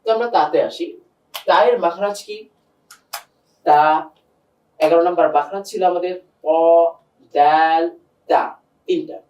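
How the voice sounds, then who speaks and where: In a high-pitched, slightly fast and mellow voice, the teacher goes letter by letter through Quranic pronunciation, repeating each sound with patience. He addresses both his student and the audience directly, heard from a distance in a roomy space.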